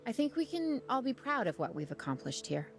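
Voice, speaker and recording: A woman's voice: fairly high pitch, big pitch swings, fairly quick, soft background music. An actress voicing a determined, wry woman who runs a dinosaur operation, in video game dialogue. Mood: steady.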